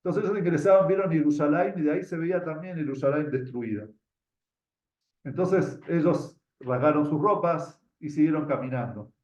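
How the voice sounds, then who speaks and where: A man's voice: a little high, normal speed, a little mellow. A man with an Argentine accent tells a religious story to a group as a teacher. He often stops to repeat words while he searches for the next one, and he asks his listeners questions. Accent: Argentine Spanish. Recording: echoey room, dull lo-fi sound.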